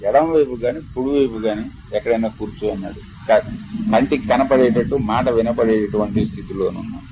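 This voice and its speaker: An older man with a Telugu accent, a spiritual teacher who chants verses slowly and melodically, then explains them in a discourse. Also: on the low side, noisy background. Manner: explanatory storytelling lecture.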